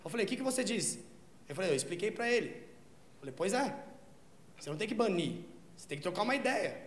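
A young man from São doing a stand-up set, telling a profane, slang-heavy story and acting out the other voices with shouts. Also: high-pitched, very animated, fast talker. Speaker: stand-up comedian. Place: comedy stage with live audience. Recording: echoey room, loud audience noise. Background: audience laughter.

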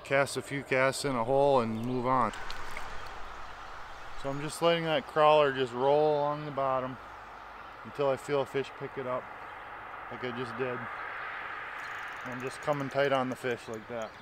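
Against a noisy background, a man in his thirties talks at a normal speed in a steady, medium-pitched voice, leaving long pauses. It's a casual outdoor fishing vlog on a small river, shot on the bank and in a canoe, where he chats enthusiastically and explains as he fishes.

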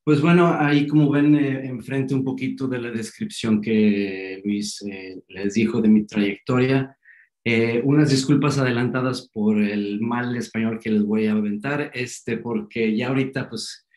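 A guest lecturer gives an informal scientific talk over a video call microphone, speaking casually and dropping "este" as a filler again and again. His mid-range voice is steady, unhurried, and a little mellow.

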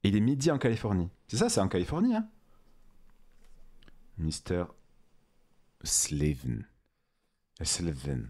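A man's voice: on the low side, wildly swooping pitch, measured pace, long pauses, dark tone. A man streaming a video game, joking and exclaiming as he plays. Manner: playful, jokey, exclamatory. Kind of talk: let's play commentary.

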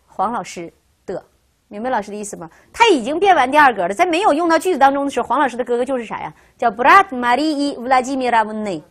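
A woman's voice: a little high, a bit bright. A woman teaching a language class, who keeps asking her students rhetorical questions and checking in with "right?". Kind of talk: classroom lecture.

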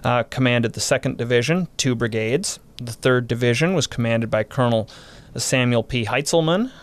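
A man's voice: medium pitch, moderate pace. Man, historian guest, casual podcast talk, detailed explaining, mid-range voice. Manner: detailed explaining, listing units and dates.

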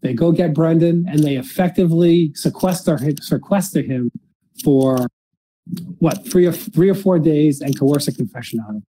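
A man hosting a casual discussion, speaking haltingly and often repeating words as he feels out each sentence. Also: fairly high pitch, mellow, no room sound, poor audio. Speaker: podcast host. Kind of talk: casual discussion of a criminal case.

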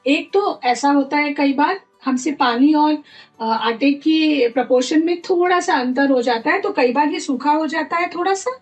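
A woman's voice: high voice, normal speed. A middle-aged woman giving a cooking demonstration in her home kitchen, explaining each step while she works. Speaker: cooking instructor. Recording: light background music.

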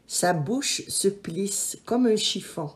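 Slow, expressive woman storyteller. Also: mid-range voice. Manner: expressive, measured. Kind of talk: scripted children's story narration.

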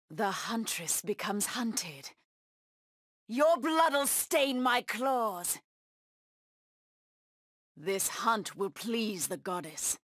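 A woman voicing a savage, proud cheetah-woman huntress in a video game, taunting her prey with deliberate menace. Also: medium pitch, a bit bright, no echo, studio quality. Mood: taunting, menacing.

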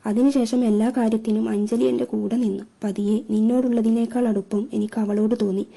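Lady doing a guilty young guy begging on the phone, soft, dark voice. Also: fairly high pitch, little pitch movement, creaky. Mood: pleading. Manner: hurried, soft, apologetic.

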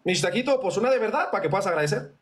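A man's voice: sits high, animated, rapid-fire, a little hiss or hum. A young Mexican man chatting casually on a livestream, slangy and thanking viewers for gifts. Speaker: streamer.

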